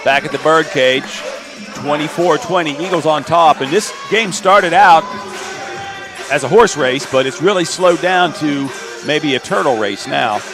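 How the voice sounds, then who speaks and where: A man calling high school basketball play-by-play in brisk calls that climb in pitch and volume on big plays. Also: over music, crowd noise. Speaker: play-by-play announcer.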